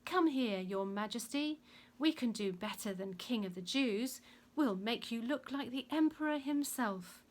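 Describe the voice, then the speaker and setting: A woman's voice: mid-range voice, expressive, normal speed, close to an everyday voice. A woman voicing a brutish, mocking Roman soldier in a dramatic Bible story reading. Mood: gloating. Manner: mocking, gloating.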